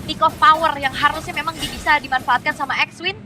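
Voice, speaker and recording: A woman's voice: high-pitched, steady tone, brisk, over music. A woman with an Indonesian accent giving live game commentary and analysis as an esports caster. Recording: noisy crowded arena, slightly distant mic.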